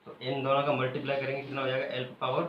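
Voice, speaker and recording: A male teacher giving a classroom lecture who keeps asking questions and pauses for students to call out the answers, then repeats the key terms slowly. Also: medium pitch, monotone. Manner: quizzes students, pausing for them to finish answers. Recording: echoey room, muffled, faint hiss.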